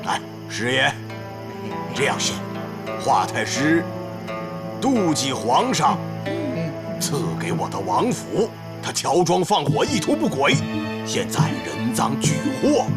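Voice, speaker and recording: Vindictive period-drama prince, blustering and lordly, wide-ranging delivery, score music behind. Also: male voice, medium pitch, wildly swooping pitch, slow pace, long pauses. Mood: gloating. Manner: haughty, blustering. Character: arrogant vindictive middle-aged male prince. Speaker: scheming prince.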